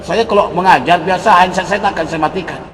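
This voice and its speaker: A man giving an animated religious lecture, asking his audience rhetorical questions. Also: sits high, quick pace. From Indonesia. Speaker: religious teacher. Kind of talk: lecture on creed. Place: lecture hall. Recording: reverberant hall with faint noise.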